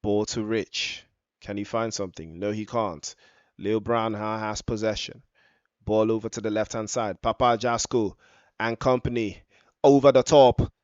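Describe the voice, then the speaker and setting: Man commentating football, drawn-out excited goal shouts. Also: lowish voice, clean tone, no echo, muffled recording. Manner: drawn-out excited shouts on goals and big chances. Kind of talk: live match commentary.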